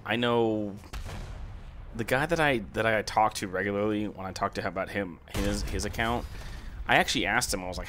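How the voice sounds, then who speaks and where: Low-pitched raspy man rambling. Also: a bit bright, slight background noise. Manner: hesitant, rambling, backtracking mid-sentence. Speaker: gaming video host. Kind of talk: casual rambling commentary.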